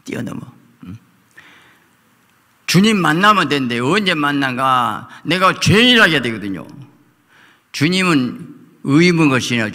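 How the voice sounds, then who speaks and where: A male pastor preaching a sermon at a prayer meeting, dropping to quiet asides and rising to loud fervent cries as he acts out prayers. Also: on the high side. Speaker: senior pastor. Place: church sanctuary. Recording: long hall reverb.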